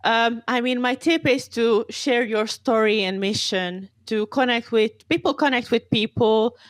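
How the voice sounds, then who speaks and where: A woman's voice: on the high side, measured pace, no room sound. A woman in her twenties from Serbia, a guest on a podcast, talking eagerly and chattily. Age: 20s. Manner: eager, chatty, laughs easily. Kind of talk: casual interview.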